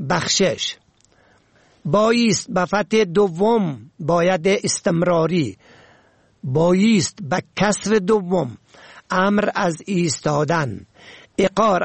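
A man hosts a language program, reading from a scripted lesson and calmly listing words along with how each is pronounced. His voice sits high with some vocal fry, and the recording is dry.

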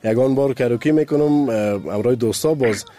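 A man's voice: mid-range voice, dark tone. A man with an Afghan Dari accent hosting a radio show, chatting and teasing in a friendly way and welcoming callers. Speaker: radio host. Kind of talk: casual radio chat. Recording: radio studio broadcast.

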